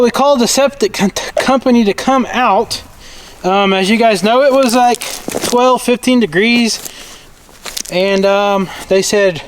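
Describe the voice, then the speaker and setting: A man with a Southern US accent and a noticeably high-pitched voice talks in a folksy, plain-spoken way. He chats casually as a farm vlogger. The recording is made outdoors, with faint noise behind him. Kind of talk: casual vlog chat.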